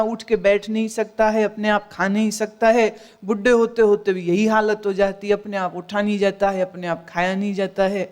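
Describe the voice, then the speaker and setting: A woman spiritual teacher giving a discourse, scolding with rhetorical questions and dropping in English phrases. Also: medium pitch.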